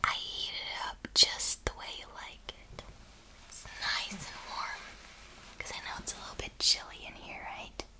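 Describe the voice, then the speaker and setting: A woman doing a whispered role-play as a doting caregiver at bedtime, speaking tenderly and reassuringly in a breathy whisper. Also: poor audio. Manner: slow, tender, reassuring personal attention. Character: doting, soothing caregiver tucking someone in at bedtime. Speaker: ASMR host playing a caring bedtime companion.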